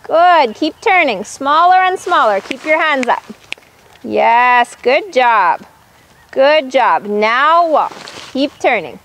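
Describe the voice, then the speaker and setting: Female riding coach, very high pitch, unhurried delivery of brisk projected commands, encouraging and firm, light background noise of a riding arena. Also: very animated, a bit bright. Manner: encouraging, firm, repeats short instructions. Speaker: horse riding instructor.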